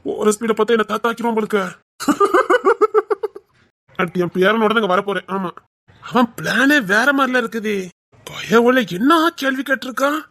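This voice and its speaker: A woman voicing several drama roles, quick to flare up, then soft and pleading. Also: on the high side, big pitch swings, dry recording. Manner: shifts from teasing to pleading and shouting.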